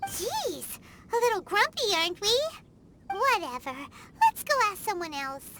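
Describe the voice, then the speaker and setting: A woman voicing a tiny, childlike, cheeky female companion in a video game, with a squeaky, perky delivery. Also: wildly swooping pitch, unhurried, noisy background, heavily acted. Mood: miffed. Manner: exclamatory, perky. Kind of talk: animated video game character acting. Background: game music.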